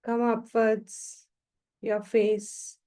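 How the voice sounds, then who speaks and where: A meditation teacher guides a session with short, calm, measured instructions separated by long pauses. Her voice is a little high.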